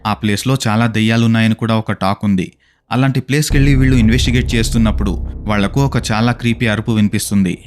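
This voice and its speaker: A man reading scripted narration for a ghost video compilation, in brisk, steady storytelling that now and then asks the viewers questions. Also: fairly low pitch, background noise.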